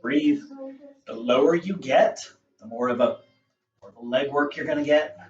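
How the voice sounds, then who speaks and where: A man teaching a beginner yoga class, giving calm, encouraging cues with casual asides and getting a little out of breath. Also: fairly high pitch, normal speed. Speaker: yoga instructor. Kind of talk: guided yoga class instruction. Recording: roomy, distant, dull camera audio with faint music.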